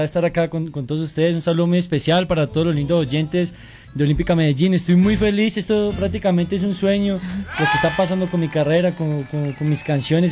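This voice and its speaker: Earnest young man, mellow voice. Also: on the high side. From Spain. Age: 20s. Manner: earnest, grateful, restarts words often. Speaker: guest singer. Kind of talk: casual radio interview.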